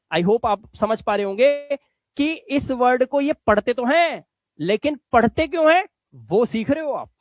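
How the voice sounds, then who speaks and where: With no room sound behind him, a high-pitched man leads a spoken lesson on English phonics. He repeats the rules patiently and elongates example words, frequently asking, in a coaxing way, whether learners are keeping up.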